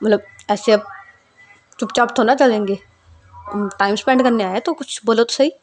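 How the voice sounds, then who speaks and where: Woman doing a defensive young girlfriend in a storybook, pleading, slightly high. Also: normal speed, a little hiss or hum, close to an everyday voice.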